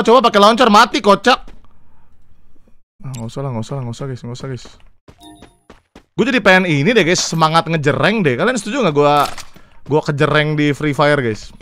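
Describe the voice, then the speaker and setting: A young man, streaming a game live and chatting with viewers, excitable and repeating short phrases in bursts. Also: a little high, quick pace, long pauses, a little hiss or hum. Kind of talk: casual live gameplay commentary. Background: keyboard clicks.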